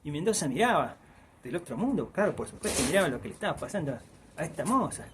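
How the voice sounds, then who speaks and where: A man's voice: on the high side, very animated, fast, noisy background. Argentine man telling a folk tale. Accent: Argentine Spanish. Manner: rambling, repeats "dice" often. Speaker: storyteller. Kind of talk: oral folk storytelling.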